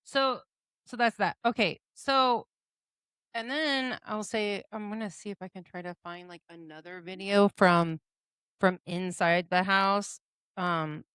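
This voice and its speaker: A woman co-hosting a casual podcast, talking in a lively, exclaiming way. She speaks at an everyday middle pitch. The sound is dry and close, with no room echo. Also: clear, resonant tone. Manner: animated, quick to exclaim and protest. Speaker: podcast co-host. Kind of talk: casual chat.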